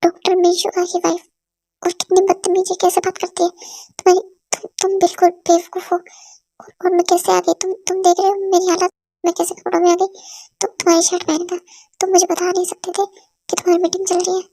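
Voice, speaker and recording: A fiery young wife who scolds in rapid, insult-packed tirades, as a woman voices her for a fan-dub drama. The voice sits very high and barely moves in pitch. It is recorded close and dry, with no room sound. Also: completely flat delivery, warm tone, no echo. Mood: indignant. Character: young wife, hot-tempered, scolding and scornful.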